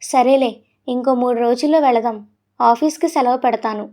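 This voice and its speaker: Brief: woman reading a young husband in an audio story, brusque, caring, pushy questions, high voice. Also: normal speed, warm tone, close to an everyday voice. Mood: soothing. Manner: pressing, demanding questions.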